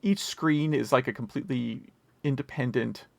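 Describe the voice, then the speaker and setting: A male podcast host chats casually about retro gaming news, wandering into conversational asides. He speaks at medium pitch and a moderate pace with vocal fry. The recording has no echo.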